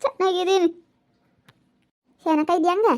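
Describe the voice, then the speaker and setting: A woman's voice: very high voice, unhurried, a little mellow. A woman acting in a village family drama, talking in a soothing yet firm, scolding way.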